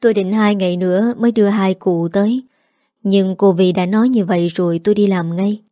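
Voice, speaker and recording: A woman's voice: mid-range voice, steady tone, fairly quick, warm tone, no room sound, studio quality, lightly acted. A woman voicing a deferential middle-aged housekeeper in a story reading.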